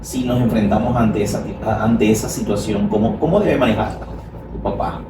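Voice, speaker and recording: A man's voice: on the low side, normal speed. A man hosting a conversation, asking questions in a hesitant way and often repeating words. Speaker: host. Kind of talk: conversational interview. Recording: echoey room, far from mic, noisy.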